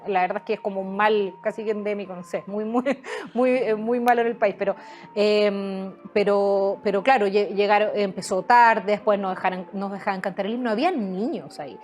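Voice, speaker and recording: A woman's voice: medium pitch, moderate pace, a little mellow. A woman answering interview questions as a guest author, hesitating often with fillers and restarts.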